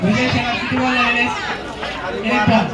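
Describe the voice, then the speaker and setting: A man's voice: extremely high pitch, flat delivery, normal speed. A man giving live local cricket commentary over a PA system, repeating scores and calls in short bursts. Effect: amplified over a PA system. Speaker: cricket match commentator and announcer. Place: outdoor cricket ground. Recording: echoey PA sound from far off, loud crowd noise.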